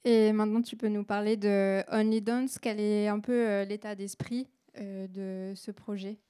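A woman with a soft, mellow voice and a smooth, clean tone. She puts questions in an informal, conversational way, as an interviewer at medium pitch. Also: little pitch movement, unhurried.

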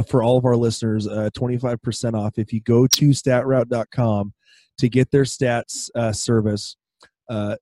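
A hoarse man who has partly lost his voice, hosting a casual solo sports podcast in a halting way, often clearing his throat. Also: medium pitch, dark tone, dry recording. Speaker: podcast host.

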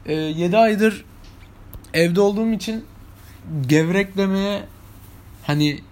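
High-voiced chatty Turkish vlogger man. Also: takes it slowly, darkish tone. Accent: İzmir Turkish. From İzmir, Turkey. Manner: chatty, anecdotal, addresses viewers as friends. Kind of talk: casual storytelling monologue.

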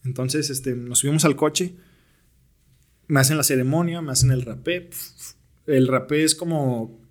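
Young mexican dude telling stories on a podcast, lots of bro and güey, chill. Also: male voice, mid-range voice, unhurried. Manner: slangy, laid-back, peppers talk with "bro" and "güey". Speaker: podcast guest, rapper. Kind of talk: casual storytelling interview.

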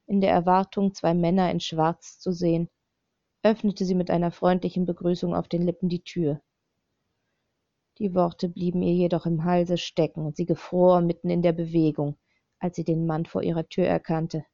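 A woman's voice: lowish voice, moderate pace, dry recording. A woman narrating an audiobook in scripted narration, reading steadily, on a slightly dull, dry recording. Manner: steady, even reading of a dark thriller.

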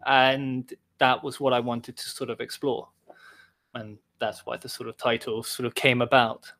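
A man's voice: medium pitch, little pitch movement, normal speed, pushed and bright. A man talking as a guest on a podcast over a call, reflective and rambling, saying "sort of" often. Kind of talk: casual podcast interview. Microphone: remote call.

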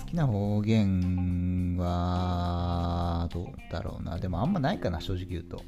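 A man's voice: low voice, a little slow, dull audio, over music. A man co-hosting a podcast, bantering in a blunt, joking way. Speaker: podcast co-host. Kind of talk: casual podcast chat.

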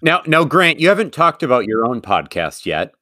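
A man's voice: medium pitch, big pitch swings, normal speed, bright, forceful tone, no room sound, clean studio sound. A man hosting a casual podcast, bantering and teasing his guest. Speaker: podcast host.

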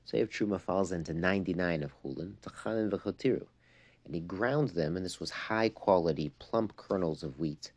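A male religious teacher gives an informal lesson in a low, relaxed voice, explaining points emphatically. He mixes English with Hebrew and Yiddish terms.

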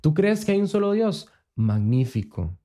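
A man's voice: a little high, sing-song, moderate pace, dark tone. A young man with a Costa Rican accent, reflecting in a laid-back way on a casual faith podcast, with slang and rhetorical questions. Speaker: podcast co-host.

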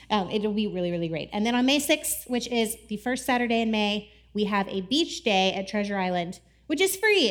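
A woman in her thirties giving a casual, playful sermon with laughing asides and a scripture reading. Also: on the high side. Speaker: pastor.

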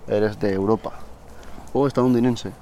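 A man's voice: fairly low pitch, normal speed. Young guy just chatting, jokey, a bit of background hiss. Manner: animated, joking, slangy. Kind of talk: casual chat.

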